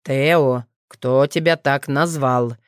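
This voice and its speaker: Woman doing a gentle dragon father, low steady voice, reassuring, audiobook, dry close sound. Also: unhurried, no echo. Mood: stern. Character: dragon father, grown man, calm and gentle. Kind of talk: audiobook reading.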